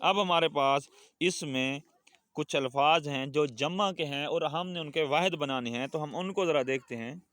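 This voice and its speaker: A man's voice: a little high, normal speed, a bit bright, dry recording, clean studio sound. A man with a Pakistani Urdu accent teaching a children's Urdu lesson, patiently repeating words and sentences for his pupils to say back. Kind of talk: classroom lesson with call-and-response drills.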